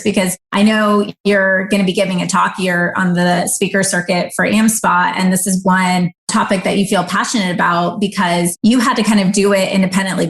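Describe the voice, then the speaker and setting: A woman's voice: mid-range voice, a bit bright. A woman hosting a podcast, asking her guest thoughtful, conversational questions. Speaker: podcast host. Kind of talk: interviewer conversation.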